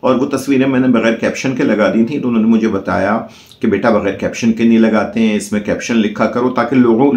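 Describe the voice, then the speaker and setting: A man's voice: medium pitch, darkish tone, echoey room. A man telling a heartfelt personal story as a channel host, in earnest, formal diction.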